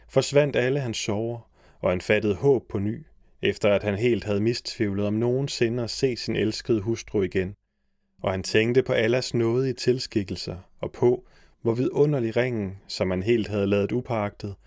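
A man narrating a fairy tale in a measured, old-fashioned storybook reading. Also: mid-range voice, darkish tone, no room sound, studio quality.

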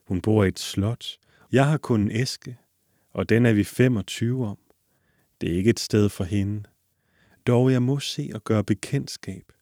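A stiff, dutiful tin soldier from a storybook muses quietly on his longings in a low, dry voice. A man reads him out in his own voice. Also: no echo. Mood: wistful. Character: steadfast, dutiful one-legged male tin soldier.

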